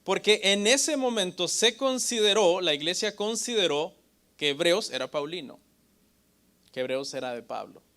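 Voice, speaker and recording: Man, pastor, Bible lecture, bright forceful voice, slightly high pitch, asks and answers his own questions. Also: animated, normal speed. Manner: asks the audience questions and answers them himself; often adds "hermano" and "ok?".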